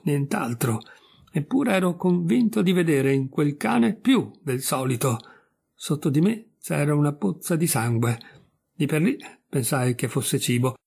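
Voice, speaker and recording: Man reading a story aloud, serious and measured, gravelly husky voice. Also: fairly high pitch, a little mellow. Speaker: audiobook reader. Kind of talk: literary audiobook narration.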